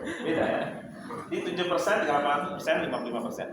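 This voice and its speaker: A man leading a lively training session for mentors, asking the audience questions and often laughing. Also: on the high side, racing. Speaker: Islamic teacher training mentors. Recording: echoey hall, distant mic, noisy.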